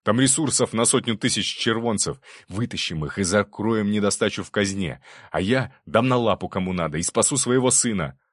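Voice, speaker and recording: Man as a rough scheming official, curt, commanding, low voice, dry sound. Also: expressive, normal speed, hardly any pauses, no room sound. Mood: scornful. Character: rough, scheming middle-aged male official, contemptuous.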